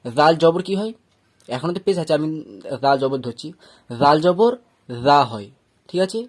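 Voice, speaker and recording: Guy teaching quran letter sounds, slow careful repeats, patient explainer. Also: fairly high pitch, animated. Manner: patient, explanatory, slowly repeats drilled syllables. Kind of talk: recorded lesson on Arabic letter sounds.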